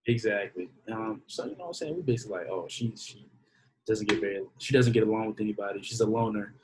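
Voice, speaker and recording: A man in his twenties, a podcast guest in casual chat, laid-back and slangy and quick to poke fun at himself. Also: on the low side, a crowd in the background, poor audio. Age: 20s.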